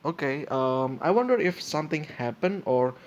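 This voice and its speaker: A man's voice: a little high, animated, normal speed, dull audio. A man in his twenties hosting a casual solo podcast, reading from a page and reacting as he goes, with lots of fillers and restarts. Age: 20s. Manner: hesitant, full of fillers and restarts, thinking aloud. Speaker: podcast host.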